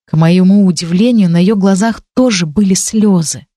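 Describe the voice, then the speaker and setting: A woman narrating an audiobook in a measured, expressive way. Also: medium pitch, dry recording, studio quality.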